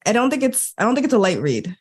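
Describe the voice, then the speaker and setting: Slightly high and husky, this woman's voice moves quickly with big pitch swings. She's an Enneagram coach appearing as a podcast guest, chatting and storytelling casually while voicing her own quoted thoughts.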